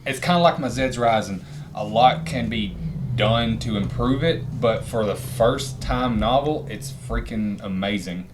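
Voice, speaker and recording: Middle-aged man, rambling podcast co-host, chuckles a lot, faint hiss behind. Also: on the low side. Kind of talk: casual chat.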